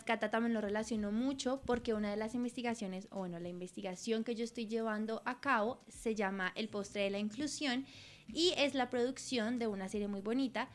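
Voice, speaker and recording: A young woman, co-hosting a podcast and explaining her student research in an earnest way. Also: a little high. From Colombia. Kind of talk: casual radio chat.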